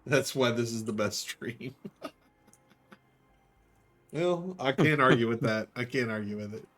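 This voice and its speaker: A man's voice: mid-range voice, a little slow, fairly bright tone. A man chatting casually on a gaming stream, joking and laughing easily with friends. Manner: laughs often, easygoing banter. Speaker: stream co-host.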